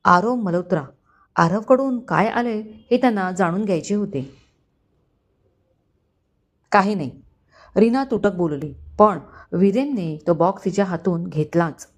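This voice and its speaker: A woman's voice: medium pitch, normal speed. A woman storyteller reading a romantic family story aloud in scripted narration. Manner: even, expressive storytelling.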